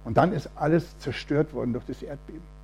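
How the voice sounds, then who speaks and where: A man's voice: on the high side, fairly quick, gravelly, a little mellow, a little hiss or hum. A man giving a testimony sermon in church, telling his story with quoted voices acted out and reading a Bible passage aloud.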